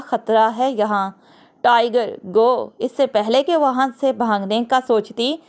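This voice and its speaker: Female novel narrator, steady scripted storytelling, smooth and higher-pitched.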